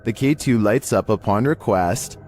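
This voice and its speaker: A low-pitched man narrates a scripted paranormal countdown. His delivery is that of a storyteller presenting eerie cases, with faint noise behind the voice. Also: normal speed, a little mellow.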